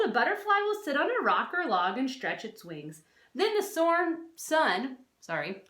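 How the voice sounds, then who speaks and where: A woman with a high, slightly bright voice reads a non-fiction children's book aloud in a teacherly manner. She's expressive, emphasizes key words, and adds brief explanatory asides, all in a roomy, echoey space.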